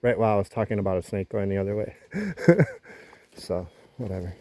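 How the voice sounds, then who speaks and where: A man's voice: lowish voice, sing-song, fairly quick, background noise. A man casually narrating his vlog outdoors on a houseboat, explaining a repair while he works. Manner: easygoing, explains while working with his hands. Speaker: vlogger.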